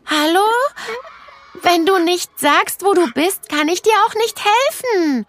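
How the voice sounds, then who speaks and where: A woman's voice: very high-pitched, animated, measured pace, no room sound, voice pushed up, exaggerated voice. A woman voicing a helpful, bold little girl in a storybook reading. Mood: searching. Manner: bright, caring, sometimes stern child's voice.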